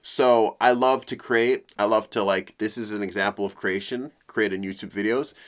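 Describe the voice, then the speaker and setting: A man's voice: fairly low pitch, fairly even intonation, normal speed, a bit bright. A young man talking candidly to the camera about feeling depressed after a breakup, rambling with many fillers and restarts. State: low and depressed. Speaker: vlogger. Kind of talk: personal venting monologue.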